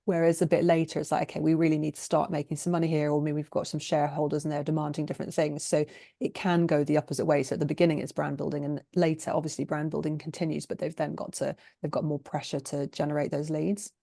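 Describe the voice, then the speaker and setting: A woman with a low-pitched voice and noticeable creak speaks as an interview guest. She explains things casually and informally, often voicing imagined quotes. The sound is close and dry. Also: little pitch movement, fast, dark tone, no echo. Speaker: guest, copywriting agency owner.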